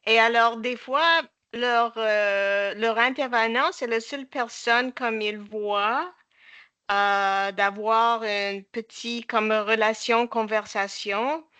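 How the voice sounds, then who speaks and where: A bright-voiced woman moderates an informal panel at a slow pace. She has a foreign accent in French, that of an English-speaking Canadian, and often searches for her words. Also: a little high, fairly even intonation, clear, resonant tone. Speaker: discussion moderator.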